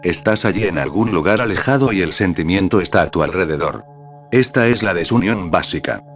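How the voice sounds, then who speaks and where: Deep-voiced man narrating a spiritual talk. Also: expressive, fairly quick. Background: faint background music.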